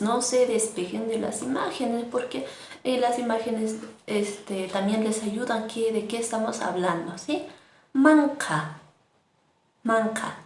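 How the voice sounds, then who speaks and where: Slow, patient woman teaching Aymara words. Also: mid-range voice. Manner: slow and patient, repeats words for learners to echo. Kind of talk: online language lesson. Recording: echoey room with faint noise.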